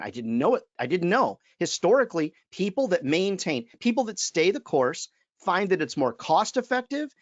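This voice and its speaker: A man's voice: on the high side, dry recording, muffled recording. A man, giving an emphatic webinar talk as a sales trainer and calling his listeners friends. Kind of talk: webinar presentation.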